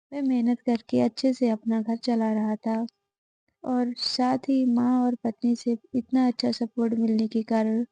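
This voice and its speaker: Woman storyteller, steady scripted narration, flat and gravelly, dry close recording. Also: on the high side, dry recording. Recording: dull lo-fi audio.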